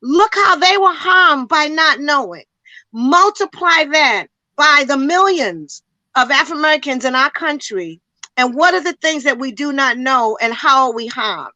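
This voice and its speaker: A woman's voice: high voice, bright, forceful tone, dry recording, low-quality recording. A woman community educator speaking with passion in a panel discussion, emphatic and full of rhetorical questions, a little out of breath.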